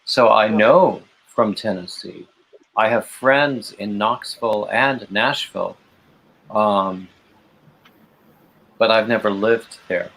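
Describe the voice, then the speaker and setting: A man's voice: on the low side, slow, creaky, long pauses, slightly rough, low-quality recording. A man hosting a livestream in a casual, conversational style. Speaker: livestream host. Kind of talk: casual chat. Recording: steady noticeable background noise.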